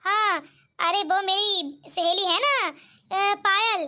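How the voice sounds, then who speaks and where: A woman's voice: very high-pitched, slow pace, pushed and bright, exaggerated voice. A woman voicing a bossy, proud middle-aged mother-in-law in a cartoon, speaking in a commanding and boastful way. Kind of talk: cartoon voice acting.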